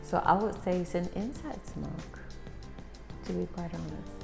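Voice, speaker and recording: A woman's voice: on the low side, expressive, measured pace. A woman co-hosting a product review, chatting casually about her impressions. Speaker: co-host of a pipe tobacco review. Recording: music clearly heard behind the voice.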